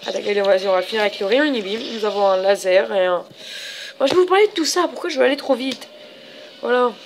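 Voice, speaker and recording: A woman's voice: on the high side, slight background noise. A woman giving casual gameplay commentary as a let's play host, talking in a hesitant, rambling way with many fillers and restarts.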